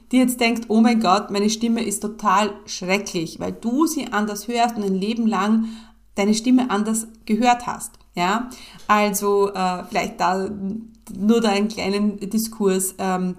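A middle-aged woman hosting her podcast alone at a home mic, talking casually with lots of fillers and "ja" tags. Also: medium pitch. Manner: chatty, many fillers and "ja" tags. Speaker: podcast host and business coach. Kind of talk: casual solo podcast talk.

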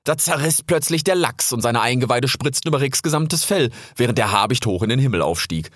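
A man calmly narrating a storybook aloud. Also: medium pitch, a little fast, no room sound, studio quality. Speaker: audiobook narrator.

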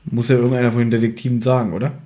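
A podcast co-host recaps an audio drama from his notes, chatting casually and conversationally. He talks very fast in a medium-pitched, level voice with a dark tone.

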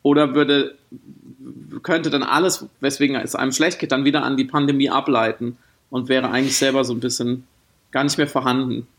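A man's voice: mid-range voice, fairly even intonation, brisk. A man co-hosting a casual podcast conversation, thoughtful and wordy, often restarting his sentences. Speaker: podcast co-host.

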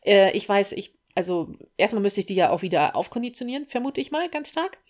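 A woman's voice: medium pitch, a little fast. A woman co-hosting a casual podcast, joking about her own laziness and giving lots of short agreeing replies. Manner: lively, self-mocking, many short agreeing replies. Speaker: podcast co-host.

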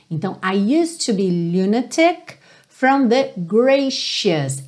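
Brazilian woman teaching english pronunciation, friendly, keeps saying ok, sings the lyrics slow to show how. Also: mid-range voice. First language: Portuguese. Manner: slows down and sings lyric lines to demonstrate; friendly, checks in with "ok?" often. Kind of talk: pronunciation lesson.

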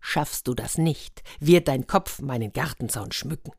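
A woman voicing a gruff, menacing male giant in a fairy tale, speaking loudly and bossily. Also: rumbling low, unhurried, dry recording, studio quality, exaggerated voice. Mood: commanding.

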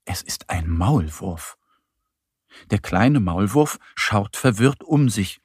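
Husky man reading a children's story. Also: on the low side, takes it slowly, no echo, clean studio sound. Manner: lively, expressive storytelling. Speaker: narrator.

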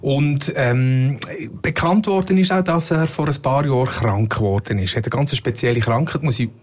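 A man's voice: medium pitch, normal speed. A man with a Swiss German accent, co-hosting a music podcast in a casual, conversational style. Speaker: radio music chief and podcast co-host.

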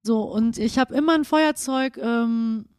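A woman's voice: on the high side, measured pace, darkish tone, smooth, dry recording, studio quality. A young woman co-hosting a podcast, telling stories in casual chat with lots of fillers and acted-out quotes. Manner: chatty storyteller, acts out quotes with many fillers. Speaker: podcast co-host.

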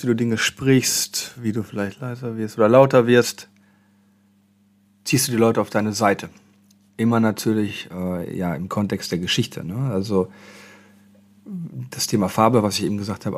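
A man hosting a solo marketing podcast, talking conversationally and addressing the listener directly with tag questions. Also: lowish voice. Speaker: podcast host, marketing consultant.

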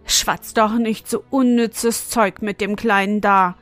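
A woman's voice: mid-range voice, steady tone, slow pace, faint music behind, close to an everyday voice. A woman voicing an impatient shoemaker's wife who scolds a customer in a storybook reading. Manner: brusque, impatient.

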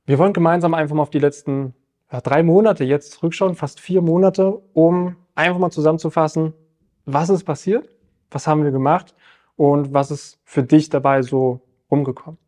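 A man's voice: on the high side, fairly even intonation, moderate pace, warm tone. A man hosting a health coaching podcast, asking friendly questions and summarizing his guest's answers. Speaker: podcast host and nutrition coach.

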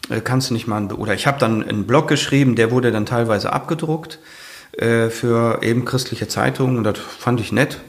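A man in his fifties tells his story in a relaxed interview. He is earnest and rambles, with frequent fillers and restarts. His pitch sits in an ordinary middle range. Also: brisk. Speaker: guest, firefighter and author. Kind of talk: casual conversational interview.

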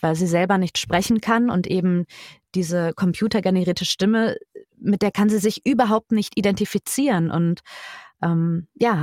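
Lower-pitched female podcast guest. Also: darkish tone, no room sound, clean studio sound. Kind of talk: casual conversational talk.

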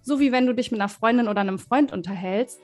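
A woman's voice: on the high side, fast talker, soft background music. A woman, a voice expert, explaining to children in an interview and speaking to them directly and encouragingly. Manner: warm, encouraging, speaks directly to kids with vivid examples. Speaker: voice and communication expert, guest.

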